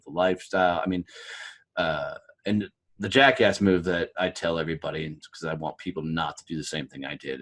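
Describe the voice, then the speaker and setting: An American man telling his story as a podcast guest, blunt and animated, swearing freely. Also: deep voice. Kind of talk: candid interview storytelling.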